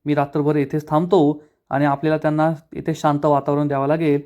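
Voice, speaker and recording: A man's voice: on the high side, flat delivery, a little mellow, highs cut off, natural voice. A man voicing a serious middle-aged doctor giving grim news in a retold drama. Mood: grave. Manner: serious, measured, quick explanation. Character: grave, calm middle-aged male doctor.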